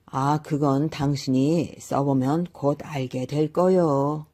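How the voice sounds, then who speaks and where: A woman voicing a sly old man who makes masks, speaking slowly and knowingly and calling out to buyers at a market. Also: deep voice, steady tone. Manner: unhurried, knowing, hawking loudly at market.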